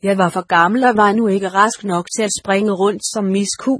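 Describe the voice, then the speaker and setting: Calm woman audiobook narrator, husky tone, dry close read. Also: mid-range voice, no room sound. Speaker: audiobook reader. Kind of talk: storybook narration read aloud.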